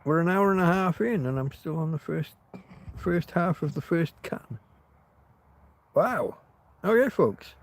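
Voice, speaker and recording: A man with a slightly high voice hosts a rambling live stream, speaking unhurriedly with lively intonation and frequent pauses. He chats loosely with his viewers, meanders and keeps restarting sentences. A throat tickle brings out a slight cough now and then.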